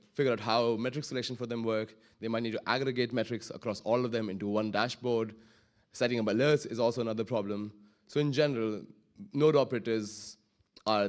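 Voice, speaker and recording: Man, lowish voice, technical conference presenter, informal explainer, frequent self-corrections. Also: a little mellow. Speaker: conference speaker, head of innovation. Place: live talk before an audience.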